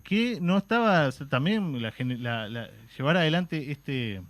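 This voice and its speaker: On a radio talk show, a history guest with a Uruguayan Spanish accent explains things patiently in a fairly high, a bit bright voice, animated but a little slow. He frequently stops with "este" or "eh" and restarts, recorded on a studio mic.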